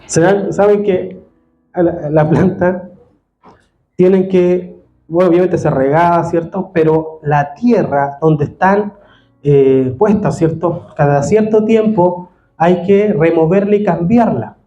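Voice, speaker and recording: Earnest high-voiced pastor preaching. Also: male voice, slow, warm tone, highs cut off. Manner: earnest, rising to fervent appeals. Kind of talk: sermon. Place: church hall. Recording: echoey church hall.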